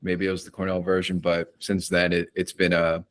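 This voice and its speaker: A man's voice: sits low, completely flat delivery, a little fast, a bit bright. A man chatting casually about music, wry and teasing in a loose way. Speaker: co-host ranking songs. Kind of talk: casual chat.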